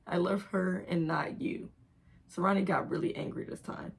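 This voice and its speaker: A woman's voice: lowish voice, steady tone, moderate pace, gravelly, slightly rough. A young woman reading her own old writing aloud in an embarrassed, giggly, self-mocking way, casually breaking off to comment. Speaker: reader of own old fan fiction.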